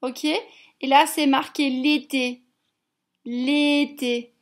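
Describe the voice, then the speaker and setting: A woman with a high voice teaches young children a homework lesson. She talks very slowly, with patient encouragement and plenty of repetition. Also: steady tone. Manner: slow, patient and encouraging, repeating words.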